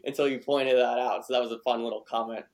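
A man's voice: medium pitch, steady tone, fast talker, a little mellow. A man hosting a casual podcast interview, easygoing and encouraging, often repeating words as he thinks of the next question. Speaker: podcast host.

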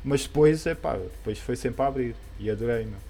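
Portuguese guy from portugal accent, mellow voice, casual rambly chat, bit of music in the back. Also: medium pitch, fairly quick, vocal fry. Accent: European Portuguese. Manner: hesitant, rambling, colloquial. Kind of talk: casual chat about comic books. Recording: background music under the voice.

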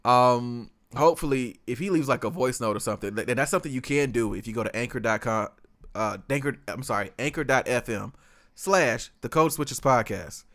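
A man hosts a casual podcast. His voice sits at a medium pitch. He talks informally, with slang and an animated delivery. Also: fairly quick. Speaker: podcast host.

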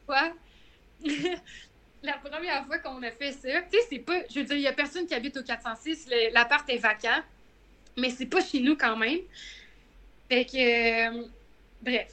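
A young woman with a Quebec French accent, chatting casually and telling a story in an animated way, acting out the lines she quotes. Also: high voice, a little slow, long pauses. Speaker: guest runner. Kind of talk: casual podcast chat.

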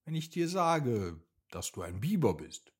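A man's voice: medium pitch, very animated, slightly rough. A man doing a clever old fox. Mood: wise. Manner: warm-hearted, advising, unhurried. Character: clever, kindly old male fox, cheerful and wise.

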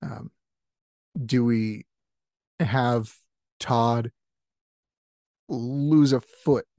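A man's voice: medium pitch, fairly even intonation, drawn-out words, warm tone, no echo, clean studio sound. A man improvising a silly comic story with friends, laughing often and rambling through fillers.

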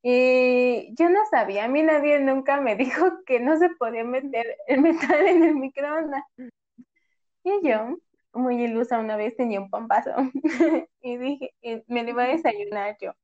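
A woman's voice: high-pitched, moderate pace, a little mellow, dull audio. A young woman hosting a casual chat, giggling as she tells stories. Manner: giggly storyteller, quotes herself. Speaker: host.

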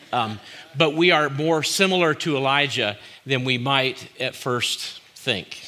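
Male preacher, medium pitch, bright and clear-cut tone; sermon delivery in brief repeated phrases with casual asides. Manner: short phrases repeated for emphasis, informal asides. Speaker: pastor.

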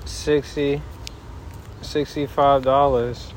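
Slow, folksy man podcasting from a noisy backyard. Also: medium pitch, little pitch movement. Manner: folksy, rambling talk with pauses mid-thought. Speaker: podcast host. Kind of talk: casual solo podcast update. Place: outdoors in a backyard. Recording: noisy outdoor backyard, wind and ambience.

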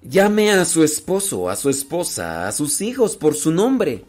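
A man's voice: a little high, huge pitch swings, measured pace, darkish tone, faint music behind. A man with a Mexican Spanish accent chatting casually as a host, giving family and marriage advice with jokes and rhetorical questions. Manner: chatty, joking, rhetorical questions, many restarts.

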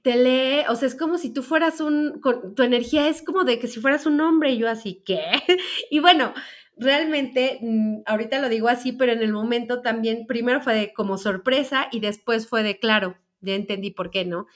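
This woman's voice sits on the high side and moves at a moderate pace. In her forties and speaking with a Mexican Spanish accent, she tells her audience a personal story about feminine energy in a chatty, informal monologue, often restarting and using fillers.

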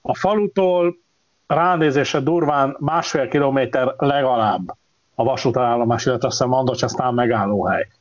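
A man's voice: medium pitch, highs cut off. A man in a casual panel chat, explaining at length with concrete examples.

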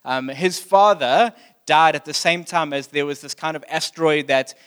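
A man's voice: on the high side, moderate pace, fairly bright tone, smooth. A man delivering a sermon as pastor, speaking in a casual, plainspoken way and asking his listeners direct questions. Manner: conversational, plainspoken preaching.

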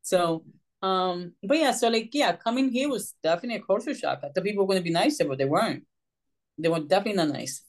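She talks fast in a medium pitch: a middle-aged Puerto Rican author and social worker being interviewed about her story, animatedly voicing the people she quotes.

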